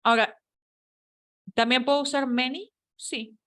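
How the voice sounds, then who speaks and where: A woman's voice: high-pitched, steady tone, measured pace, sharp tone. Chatty woman teaching English grammar. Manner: chatty, playful explaining with jokes and questions to students. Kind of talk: online English lesson taught in Spanish.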